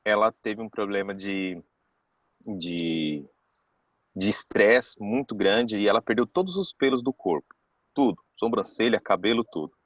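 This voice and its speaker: A man's voice: on the low side, lively intonation, unhurried, no echo. Chatty man telling stories. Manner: chatty, keeps saying "cara"; acts out quoted people. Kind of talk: casual storytelling.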